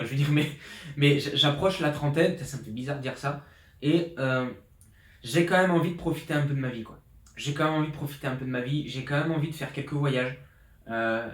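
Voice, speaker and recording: A man's voice: mid-range voice, fairly bright tone, echoey room. A man, a fitness coach talking through his year in an informal vlog, rambling with many restarts and fillers, fired up. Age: 20s. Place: his flat in an apartment building. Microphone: borrowed pro journalist mic.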